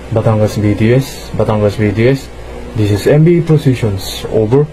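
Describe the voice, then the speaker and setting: A man's voice: fairly low pitch, moderate pace, over music, close to an everyday voice, poor audio. A man playing a ship's officer calling port in a scripted marine radio exchange, formal and orderly. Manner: formal, spells numbers out digit by digit. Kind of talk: scripted marine radio communication, procedural phrases.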